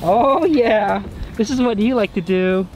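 A man's voice: high voice, unhurried. A young man hosting a casual travel vlog, touring a boat and cheerfully pointing things out. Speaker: vlog host. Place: outdoors on a boat deck and inside a boat cabin. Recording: music playing under the voice.

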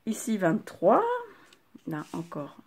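A woman's voice: lowish voice, animated, takes it slowly, darkish tone, breathy edge. An older woman hosting a craft video, chatting casually to viewers and gushing with delight over each item she unwraps. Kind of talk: casual unboxing chat to viewers.

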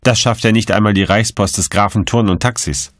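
A man voicing a stern male magistrate who questions in a firm, cold, measured way. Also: lowish voice, steady tone, no room sound, studio quality, lightly acted.

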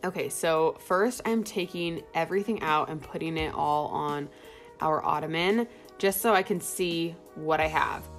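A young woman talking casually as a home vlogger, narrating her cleaning routine in a chatty, friendly way with lots of fillers. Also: deep voice.

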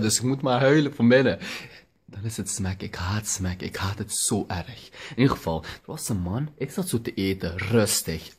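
A man's voice: mid-range voice, a little mellow, husky. A young man telling a comic rant as a vlogger, exaggerated and theatrical. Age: young adult.

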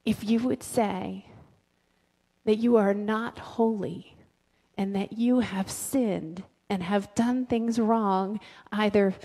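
A woman's voice: mid-range voice, mellow. A middle-aged woman pastor preaching a conversational sermon on a handheld mic, asking the congregation questions. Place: church sanctuary with a stage. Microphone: handheld mic, filmed from the back of the room. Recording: long reverb of a church hall.

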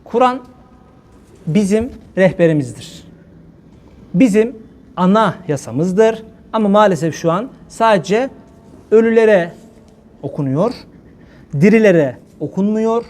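A male preacher with a high-pitched voice gives a loose, joking sermon. He talks in an animated, chatty way, laughing often and addressing the crowd like old friends. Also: takes it slowly, pauses often. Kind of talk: casual humorous sermon talk.

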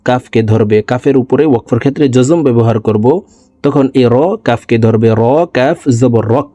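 A man teaching Quran recitation, spelling out syllables slowly and explaining pronunciation rules to viewers. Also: mid-range voice, mellow, dry recording, studio quality. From Bangladesh. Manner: slow melodic chanted recitation.

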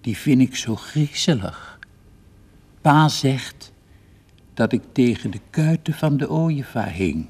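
An older man voicing a pale, quiet little girl in a read-aloud story, raising his husky voice softly. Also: medium pitch, animated, takes it slowly, pitched above the performer's own voice, exaggerated voice. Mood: timid, wondering. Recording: reverberant studio recording.

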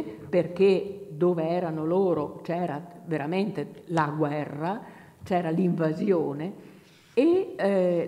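A woman's voice: fairly low pitch, darkish tone. A woman from Italy giving a university lecture, with frequent hesitations and fillers, reading quotations aloud. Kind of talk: academic lecture. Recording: long hall reverb.

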